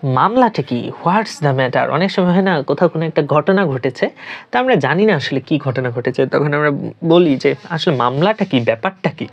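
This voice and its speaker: A teacher giving a spoken English lesson, saying each phrase in Bengali and then repeating the English slowly. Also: medium pitch, lively intonation, dull audio.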